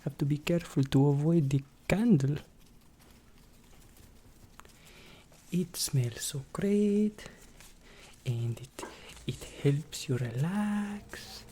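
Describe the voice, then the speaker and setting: A woman voicing an eccentric, boastful, excitable vampire in a theatrical, rambling ASMR ASMR role-play, slipping in and out of a breathy soft voice. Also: sits low, slight background noise, close to an everyday voice. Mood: entranced, doting. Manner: theatrical, chatty, rambling, drawn-out exclamations. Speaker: ASMR performer.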